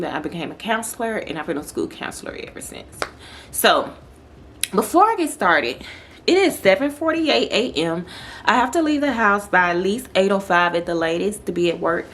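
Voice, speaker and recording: A woman's voice: mid-range voice, a bit bright, slight background noise. A woman, talking casually to camera in a sit-down vlog, with plenty of fillers and restarts. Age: 30s. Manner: talkative, conversational, with frequent fillers and restarts. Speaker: vlogger. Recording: music playing in the background.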